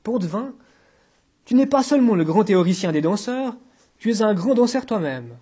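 Man reading earnest hurt young male friend, reproachful, high voice, husky edge, audiobook. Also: moderate pace, warm tone.

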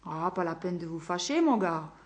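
Brief: a woman reading as a jovial, nosy northern bloke with a heavy accent, chatty and loud. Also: expressive, normal speed, natural voice. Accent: northern English (voiced). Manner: chatty, nosy, louder and higher than narration. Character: jovial talkative northern man, injured. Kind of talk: audiobook character voice.

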